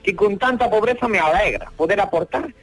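An actor playing an earthy, flustered Catalan peasant in a radio comedy sketch, rambling and stammering apologetically. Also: male voice, sits high, animated, a little fast, a bit bright, husky, no room sound, exaggerated voice, poor audio. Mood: cheerful.

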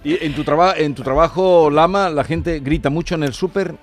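A man's voice: a little high, normal speed, a crowd in the background. A man hosting a casual panel chat, asking his guests probing questions. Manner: inquisitive, asks probing questions. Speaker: host.

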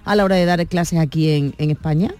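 A woman hosting a casual radio talk show, chatty and quick to read out news items. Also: lowish voice, a little mellow, soft background music. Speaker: radio host.

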